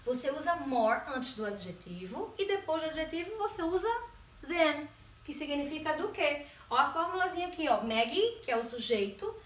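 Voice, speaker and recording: A Brazilian woman teacher with a high, bright-pitched voice walks through a grammar lesson, slowly drawing out the key words and pausing to check for understanding. Her voice carries a roomy echo, heard from some distance off the mic. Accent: Brazilian Portuguese. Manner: patient, stretches key words, frequent checking "certo?". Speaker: English teacher.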